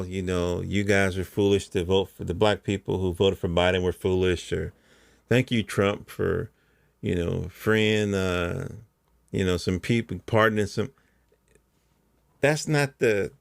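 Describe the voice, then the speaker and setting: This middle-aged American podcast host has a deep voice with vocal fry, captured in a dry, studio-quality recording. His casual monologue rambles in colloquial language, and he keeps checking in with the listener.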